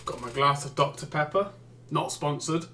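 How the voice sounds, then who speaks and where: English man, YouTuber, gaming commentary, dry sarcastic asides, somewhat high voice. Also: normal speed, pushed and bright, a little hiss or hum. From England. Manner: reads questions aloud and answers with wry, exasperated jokes. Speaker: YouTuber and streamer.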